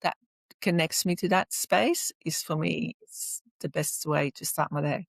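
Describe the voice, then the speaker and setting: A native Flemish Dutch speaker from Flanders in Belgium, a tourism lecturer, chats casually and enthusiastically about personal matters as a podcast guest. Her voice sits low with vocal fry, a little slow, in a dry recording.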